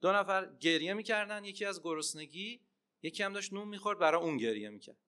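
A man preaching a religious sermon and telling stories, swinging between loud emphatic cries and hushed asides. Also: high voice, lively intonation, smooth. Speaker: preacher and Arabic teacher.

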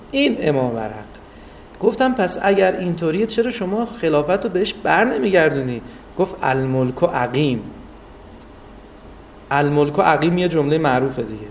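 A man giving a religious lecture with stories, rising for emphasis and drawing out recited Arabic phrases. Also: fairly high pitch. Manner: animated, rises for emphasis, drawn-out Arabic recitation. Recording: distant mic with faint noise.

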